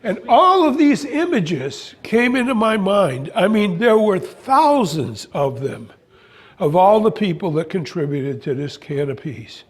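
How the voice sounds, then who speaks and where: An older man telling a spiritual story in an animated way, acting out voices and exclamations. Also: high voice, unhurried, slightly rough. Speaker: spiritual speaker. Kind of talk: storytelling talk.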